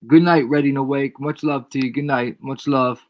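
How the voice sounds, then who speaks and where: A man's voice: medium pitch, fairly even intonation, a little fast, darkish tone, no room sound. A man hosting a live stream, chatting casually in slangy, repeated short phrases. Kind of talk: casual chat.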